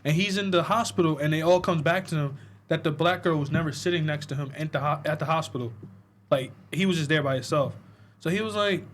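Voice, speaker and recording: A man on a casual podcast, retelling a movie's plot with animated storytelling and acting out the characters' lines. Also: fairly high pitch, a little fast, a little hiss or hum. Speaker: podcast co-host reviewing a film. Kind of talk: casual chat.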